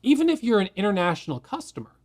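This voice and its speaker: A man with a fairly high voice talks to camera about day trading, the way a teacher walks a class through a rule. He keeps it conversational and often poses a question before answering it himself. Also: very animated, fast talker. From United States. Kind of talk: explanatory talk to camera.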